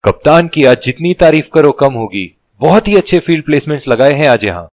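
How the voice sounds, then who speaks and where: A man giving excited cricket commentary as a commentator, exclamatory and full of admiration. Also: a little high, fairly quick, no room sound.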